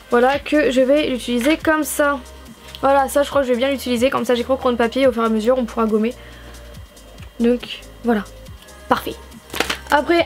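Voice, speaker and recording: High-voiced gushing young Frenchwoman. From France. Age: young adult. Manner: gushing, enthusiastic, chatty with fillers. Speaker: YouTuber unboxing stationery. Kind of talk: casual vlog unboxing.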